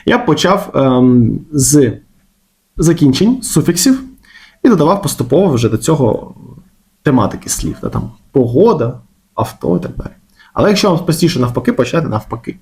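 Man, Ukrainian accent, language teacher, casual lesson, fairly high pitch, very animated intonation. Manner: lively, stretches example words slowly. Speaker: German teacher.

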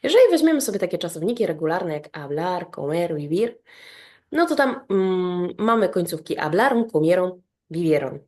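A woman with a somewhat low-pitched voice leads an online grammar lesson. She walks through each point patiently, spells out verb endings in a steady rhythm, and keeps checking that the listener is following. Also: normal speed. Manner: explains step by step, often checks with "tak?". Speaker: Spanish teacher.

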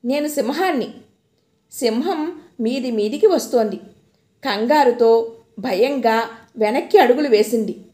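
A woman narrating a novel as an audiobook reader, in a steady storytelling manner. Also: fairly high pitch, unhurried, long pauses. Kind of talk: novel reading. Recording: roomy echo.

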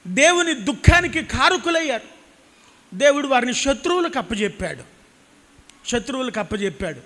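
This very high, bright voice has a forceful edge. It belongs to a Telugu-accented pastor in his thirties giving a fervent sermon on a church stage with a cross backdrop, handheld mic in hand, repeating lines for emphasis as hall reverb rings around him.

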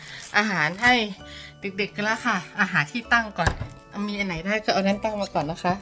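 A Thai mother who vlogs chats casually in a Thai accent, laughing often and slipping in English phrases. Her medium-pitched voice moves a little fast over background music.

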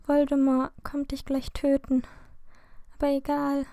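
A desperate young mother begs softly for her child's life, as a woman gives her a voice while reading aloud. Her pleas sit a little higher and quieter than the narration, warm and slow. The recording is close and dry. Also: monotone, no room sound. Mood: pleading. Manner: pleading, soft and high.

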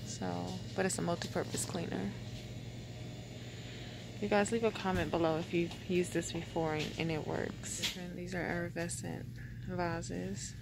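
A woman walks through a big store with her phone camera, pointing out items to her viewers in a casual, chatty way. Her voice sits a little low and flat, and she speaks at an unhurried pace. Loud store ambience fills the background. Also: gravelly, background noise. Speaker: shopping vlogger. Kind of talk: casual shop-along narration. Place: indoors in a large store. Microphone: handheld phone camera.

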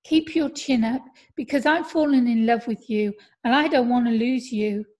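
A woman voicing a young male footballer in an audiobook, earnest and reassuring, a little louder than her narration. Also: a little high, normal speed, close to an everyday voice.

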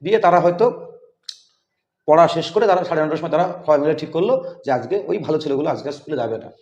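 A man's voice: a little high, animated, rapid-fire, darkish tone. A man interviewing as podcast host, talking in a rambling way with many fillers. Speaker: interviewer, teacher. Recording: echoey, dull lo-fi room.

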